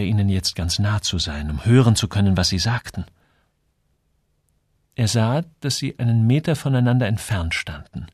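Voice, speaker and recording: A man reading a story aloud with expressive storytelling narration. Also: lowish voice, slightly rough, no room sound, clean studio sound. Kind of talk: scripted narration.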